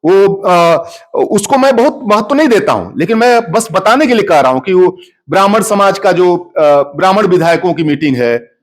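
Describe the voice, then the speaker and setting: A man speaking at a public panel discussion, talking at length with many pauses and fillers. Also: sits high, lively intonation. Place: public hall in the city.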